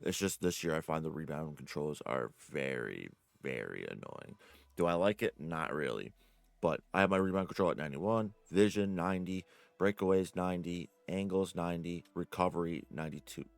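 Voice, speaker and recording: Low voiced guy rambling thru a game tutorial at home, lots of uh and like, dry sound. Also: normal speed, gravelly, no room sound. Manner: rambling, self-correcting, says "like" and "uh" often. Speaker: gaming guide creator. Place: home room.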